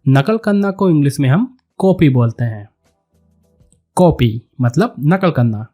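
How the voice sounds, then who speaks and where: A man teaching a vocabulary lesson, saying each word and then repeating it slowly and deliberately. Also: a little high, animated, dark tone, faint music behind. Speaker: English teacher.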